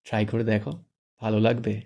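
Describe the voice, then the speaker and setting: A man's voice: fairly low pitch, little pitch movement, brisk, warm tone. A man doing a cocky, teasing young man. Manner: cool, teasing and playful.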